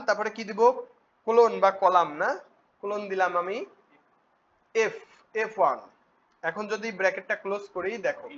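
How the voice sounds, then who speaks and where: A man teaching a spreadsheet class, often asking students quick check questions. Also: high voice, a bit bright. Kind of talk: spreadsheet tutorial. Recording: dull lo-fi recording with faint noise.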